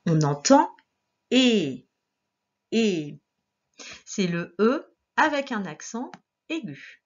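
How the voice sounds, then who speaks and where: A woman teacher giving a dictation lesson to young children, sounding out each syllable slowly and clearly. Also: on the high side, sing-song, darkish tone, muffled recording. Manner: slow, clearly articulated syllables with gestures.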